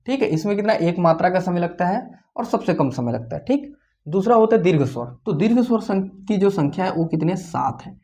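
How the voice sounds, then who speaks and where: A teacher giving an online exam-prep lesson, who asks questions and answers them, repeats key points, and slowly sounds out each vowel. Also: mid-range voice, sing-song, darkish tone. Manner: slows down to say the vowel sounds out clearly. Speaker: Hindi grammar teacher.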